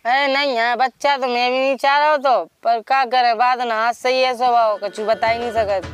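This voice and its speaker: A man's voice: extremely high pitch, fairly even intonation, normal speed, fairly bright tone, soft background music. An actor playing a flirtatious, eager, rustic middle-aged village father in a comedy skit.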